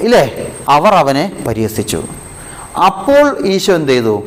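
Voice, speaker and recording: Animated priest preaching a sermon. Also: male voice, slight background noise, rough recording. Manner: asks the listeners questions and repeats key phrases; animated, with big swings of pitch and loudness.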